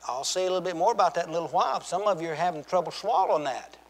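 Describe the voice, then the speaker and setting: A man's voice: high-pitched, rapid-fire, in a large hall. A man preaching as pastor, telling folksy, joking stories with frequent restarts. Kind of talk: sermon. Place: church sanctuary with long reverb.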